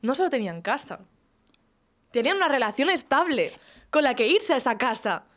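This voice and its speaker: A woman's voice: sits high, very animated, brisk, fairly bright tone. A woman of about twenty, co-hosting a comedy podcast in a studio, telling stories dramatically and laughing at herself. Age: 20s. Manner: dramatic, self-mocking storytelling with laughs. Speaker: podcast co-host. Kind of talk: casual comedic chat. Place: radio studio.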